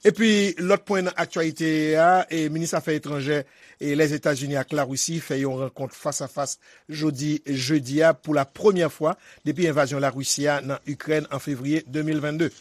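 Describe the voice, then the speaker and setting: Higher-voiced male news anchor. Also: steady tone, moderate pace, dry recording. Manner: conversational, with spoken fillers. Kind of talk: broadcast news presenting.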